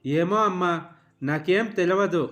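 A man's voice: high-pitched, unhurried, a bit bright, soft background music. A man doing a sulky, protesting young husband. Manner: pleading, self-pitying protests.

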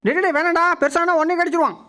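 A woman voicing a gruff, bossy grown pet that scolds the others in a quick, commanding way. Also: very high voice, bright, forceful tone.

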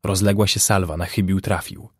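A man narrating an audiobook in a measured, dramatic way, close to the mic. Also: sits low, little pitch movement, slightly rough, no echo. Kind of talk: scripted narration.

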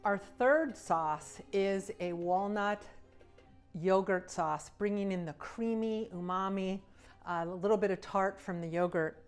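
A middle-aged woman chef talks through a cooking demonstration in a roomy home kitchen. She sounds relaxed and enthusiastic, with a mid-range voice and the odd "um". Faint music plays underneath. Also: mid-range voice, unhurried. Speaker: cruise line executive chef.

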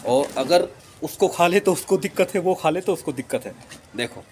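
A man's voice: fairly high pitch, animated, normal speed, darkish tone, a little hiss or hum. Playful man teasing his dogs outdoors. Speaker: vlogger. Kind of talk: casual pet vlog. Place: rooftop, outdoors.

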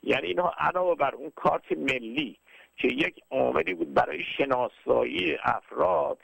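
A man giving formal, lecture-style political commentary, speaking in a measured way with frequent hesitations. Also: on the high side, vocal fry, breathy edge, no room sound, lo-fi sound.

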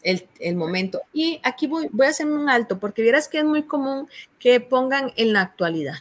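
A woman's voice: high-pitched, lively intonation, normal speed. A woman with a Costa Rican accent, a university tutor patiently explaining a course assignment, often checking in with "¿verdad?". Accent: Costa Rican Spanish.

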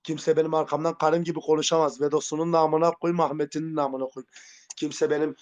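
Angry guy on a live stream swearing nonstop, kinda high voice, keeps repeating the same threats. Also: flat delivery, quick pace, lo-fi sound. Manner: belligerent, profane, repeating his threats. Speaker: livestreamer. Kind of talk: heated live-stream confrontation. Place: Antalya.

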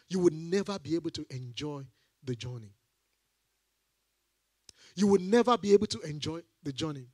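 In a husky voice pitched high for a man, a middle-aged Nigerian preacher gives a sermon into a handheld mic from the church stage. He's animated, pressing his points with emphatic repeated phrases. The audio is dry and close, with little echo from the room.

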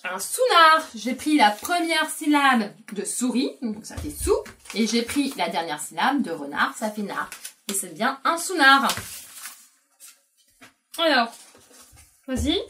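A woman's voice: a little high, sing-song, measured pace, long pauses, pushed and bright, recorded from a distance, slight background noise. Patient woman explaining a learning game. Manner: clear, patient, praises often. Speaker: educator presenting a learning game. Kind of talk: instructional explanation and play with a young child.

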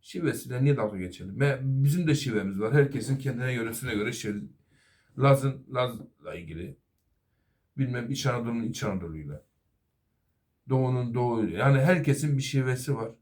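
A man's voice: medium pitch, expressive, brisk, a little mellow. A middle-aged man, a master auto mechanic, giving an earnest safety talk to fellow workers and apprentices. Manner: earnest, advising, repeatedly addressing "arkadaşlar".

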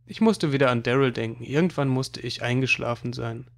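Guy narrating an audiobook, mid pitch, steady storytelling. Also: a little fast, creaky. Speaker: audiobook reader.

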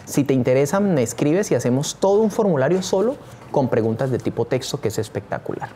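A man's voice: medium pitch, lively intonation, brisk, dark tone, slight background noise. A man teaching a screen-share tutorial, talking eagerly and straight to his viewers. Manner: enthusiastic, addresses viewers directly.

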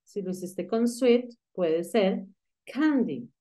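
Woman, English teacher, slow-paced, patient, questioning, grammar lesson. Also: medium pitch, animated, warm tone. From Colombia. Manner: patient, explains slowly with questions to the student.

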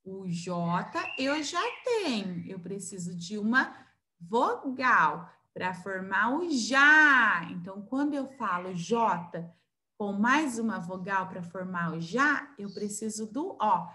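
Woman, Brazilian accent, preschool teacher, slow careful pace, syllable-by-syllable sounding out. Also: mid-range voice, animated, fairly bright tone. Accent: Brazilian Portuguese. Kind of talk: recorded online lesson for young children.

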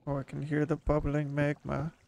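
A man's voice: fairly high pitch, completely flat delivery, normal speed, creaky, a little mellow, a little hiss or hum. A man casually commenting to himself while playing a video game, with hummed tunes and little sound effects. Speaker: gaming channel host. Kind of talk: relaxed gameplay commentary.

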